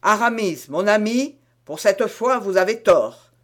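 A man's voice: sits high, expressive, measured pace, a bit bright. Man voicing Porthos, blustering proud musketeer. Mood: lecturing. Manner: hearty, emphatic and lecturing. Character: blustering, proud young male musketeer, vain and moralizing. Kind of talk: audiobook character reading.

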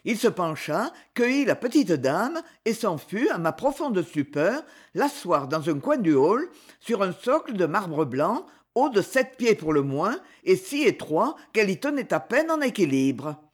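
Slow, expressive audiobook narrator. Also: medium pitch, slightly rough. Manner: measured, expressive reading. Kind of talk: scripted literary narration.

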